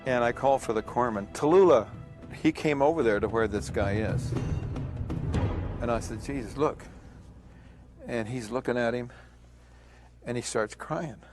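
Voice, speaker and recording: An older veteran in an interview, telling a war story in a plain-spoken, reflective way. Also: male voice, medium pitch, unhurried, long pauses, over music.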